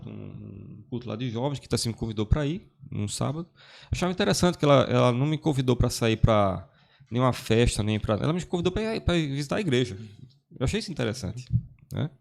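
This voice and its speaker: Guy, 40s, kinda gravelly voice, rambly storytelling w/ lots of restarts. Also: mid-range voice, darkish tone. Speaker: guest. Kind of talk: casual testimony chat.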